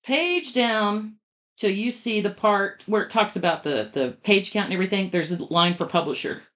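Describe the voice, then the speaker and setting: A woman giving step-by-step advice in a conversational interview, talking quickly and in detail. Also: medium pitch, expressive, a bit bright. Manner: brisk, explains step by step, talks fast. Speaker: guest expert on publishing scams.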